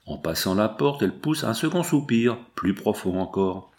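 A male narrator reads a classic adventure novel aloud with measured expression. His voice sits low with a gravelly texture. The reading is steady and literary. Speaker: audiobook narrator.

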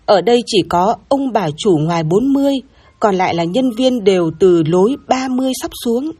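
A woman's voice: medium pitch, animated, brisk, warm tone, slightly rough, no echo. A woman voicing a polite, deferential young man who guards a restaurant, in a narrated audio story.

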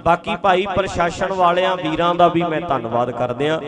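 High-voiced male preacher, crowd around. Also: brisk. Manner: earnest, pleading, repeats his phrases. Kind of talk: stage sermon to a congregation. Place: outdoor religious gathering stage. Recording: crowd noise from a large gathering.

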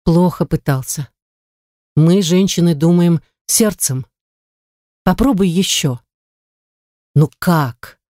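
A woman's voice: fairly low pitch, takes it slowly, long pauses, mellow, no echo, clean studio sound. A reader voicing an older mother who is cheerful and coaxing, in an audiobook. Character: older mother, warm and delighted. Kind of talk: audiobook narration.

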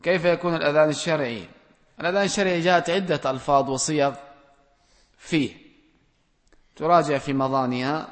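A man's voice: a little high, fairly even intonation, a little fast, long pauses. Man giving rulings in an echoing hall. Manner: direct, plain rulings with gentle admonishment. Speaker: religious scholar answering questions. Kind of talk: reading out and answering audience questions. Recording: long reverb from a large hall.

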